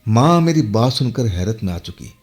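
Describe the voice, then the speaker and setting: A man's voice: lowish voice, big pitch swings, normal speed. A man telling a first-person horror story in a dramatic, emphatic way, with sudden jumps in his voice.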